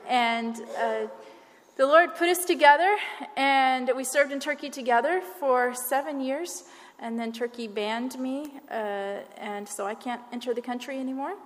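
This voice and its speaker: Earnest woman speaking in a reverberant church. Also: high-pitched. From Northwest Florida. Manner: earnest, halting, many fillers and restarts. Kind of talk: church missions presentation with slides. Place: church sanctuary. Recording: long hall reverb.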